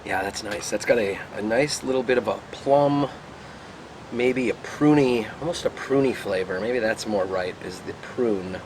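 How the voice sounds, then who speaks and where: Low-voiced man puffing a pipe, noisy outdoors. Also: unhurried. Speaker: pipe tobacco reviewer. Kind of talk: casual product review to camera. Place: outdoors in the wind. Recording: noisy outdoor recording with wind and traffic.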